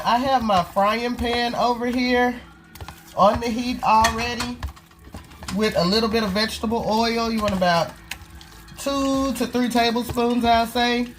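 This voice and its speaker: A woman with a stuffy, nasal voice from a cold, chatting casually to viewers as she cooks in her home kitchen. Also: fairly high pitch. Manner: chatty, talks straight to viewers while cooking. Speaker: cooking vlog host. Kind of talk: casual cooking chat.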